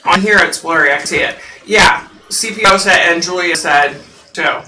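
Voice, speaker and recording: A woman with a fairly low, scratchy, husky voice talks at normal speed with a sharp tone. She's a psychic host rambling casually with viewers on a home livestream, full of fillers, and the audio sounds roomy and far from the mic.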